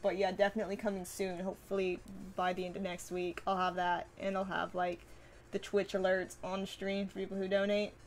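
A woman's voice: mid-range voice, slight background noise. A woman streamer chatting casually with viewers, reading and answering comments in a bubbly way, swearing freely and laughing often.

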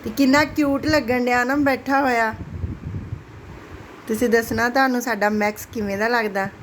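A woman's voice: on the high side, fairly even intonation, normal speed, a little hiss or hum. A woman casually vlogging at home, talking to her pet in a doting, coaxing sing-song way.

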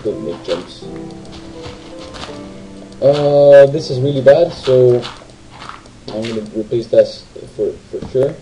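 Casual gamer guy, deep and mellow, talks to himself and the viewers, rambles. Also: poor audio. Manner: rambling, self-talking, asks viewers tag questions. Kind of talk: casual let's play commentary. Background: faint game music.

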